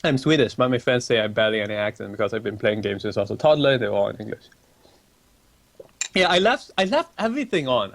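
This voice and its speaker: Chatty and rambling, a young man from Malaysia hosts a casual livestream, reading viewer questions aloud at his desk microphone and answering them. His voice is mid-range, with no room sound.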